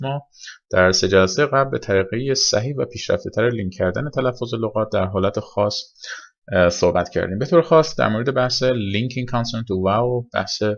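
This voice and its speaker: A man teaching English pronunciation in a recorded lesson, explaining step by step and repeating examples slowly. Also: medium pitch, highs cut off.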